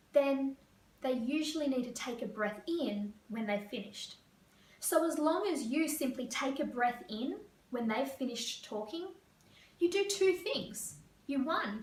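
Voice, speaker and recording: A woman career coach from Australia, explaining interview tips to camera in a fast, lively way. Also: a little high. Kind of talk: teaching to camera. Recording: echoey room, voice a bit far.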